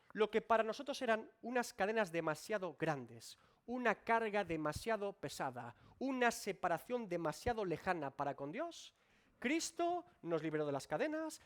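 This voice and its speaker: A male pastor delivers a sermon in a fairly high voice. His pitch swings widely, rising and falling as he presses his points. He speaks directly to the congregation. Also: very animated, moderate pace. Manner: emphatic preaching with sweeping rises and drops. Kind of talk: expository sermon. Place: church.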